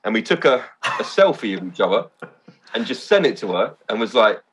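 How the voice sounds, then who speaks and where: Husky, excitable storytelling man. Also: lowish voice, brisk. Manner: excitable storytelling, swears casually. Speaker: podcast guest, event organiser. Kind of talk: casual chat.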